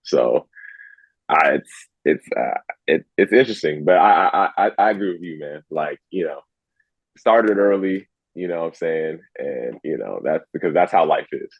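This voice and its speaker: A man's voice: extremely low pitch, animated, normal speed, husky, no room sound. A man talking casually as a podcast guest, rambling and filling his talk with "you know what I'm saying.". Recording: dull, dry lo-fi sound.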